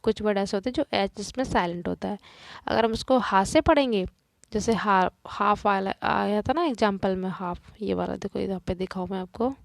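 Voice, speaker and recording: A woman's voice: medium pitch, normal speed, creaky, no echo. Woman teacher explaining grammar step by step. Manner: explains step by step, asks and answers her own questions. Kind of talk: classroom grammar lesson.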